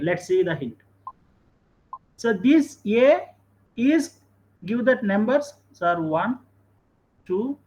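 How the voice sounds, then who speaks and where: A man with a South Indian Andhra accent and Telugu as first language teaches problems informally in an online lesson, mixing Telugu into his English. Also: sits high. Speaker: physics teacher. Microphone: video call. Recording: muffled video-call audio, background noise.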